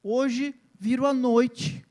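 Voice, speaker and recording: A man's voice: extremely high pitch, fairly even intonation, drawn-out words, a little mellow. A man, preaching a sermon as pastor and acting out family scenes in different voices.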